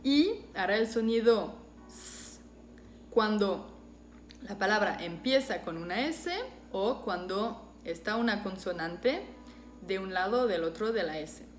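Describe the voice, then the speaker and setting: Slow-speaking woman teaching pronunciation. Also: medium pitch. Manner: slow, careful, deliberately modelling French words. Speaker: French teacher. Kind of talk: explaining pronunciation to learners. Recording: echoey room.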